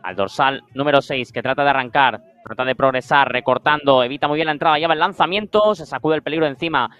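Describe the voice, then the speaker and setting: A man's voice: medium pitch, quick pace, fairly bright tone, smooth. A man with a Spain Spanish accent giving live play-by-play of a beach football match in short descriptive phrases. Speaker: sports commentator.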